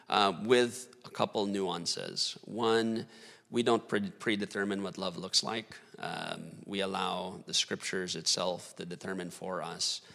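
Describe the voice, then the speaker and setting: A man's voice: sits low, creaky, bright, forceful tone, in a large hall. A man explaining theology in a casual discussion, thoughtful with many fillers. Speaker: guest theologian.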